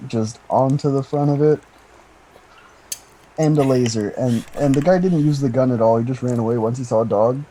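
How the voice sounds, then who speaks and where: A man's voice: mid-range voice, moderate pace, warm tone, slight background noise, poor audio. A man co-hosting a podcast in casual chat, laid-back and joking with sarcastic asides. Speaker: podcast co-host.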